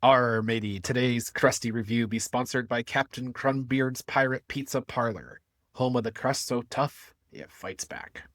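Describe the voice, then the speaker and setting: A blustery pirate pitchman, as a podcast host puts on the voice at a middle pitch, heaping on the pirate slang. The sound is dry and close. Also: a little slow, a bit bright, no room sound, natural voice.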